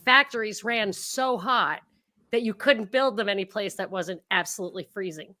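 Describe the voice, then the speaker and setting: A woman from New York joins a podcast as a guest. Her voice is bright and clear, and she tells stories in a chatty way, laughing often. Her pitch sits in the middle. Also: moderate pace. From New York, USA. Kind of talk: casual chat.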